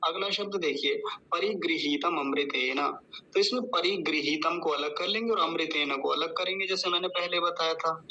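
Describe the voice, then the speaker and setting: A man with a bright, fairly high voice gives a patient recitation lesson, slowly sounding out each syllable and repeating words in a measured way. The recording is a little dull and carries a faint hiss. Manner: chants the mantra in a measured recitation. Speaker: Sanskrit recitation teacher. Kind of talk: slow syllable-by-syllable pronunciation lesson.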